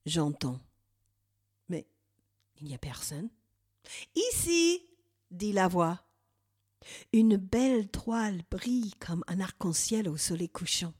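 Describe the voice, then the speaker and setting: Slow, hushed woman narrating a meditative journey. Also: mid-range voice, sing-song, breathy edge. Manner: slow, hushed, dropping at times into a whisper. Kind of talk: first-person guided meditative journey. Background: faint music.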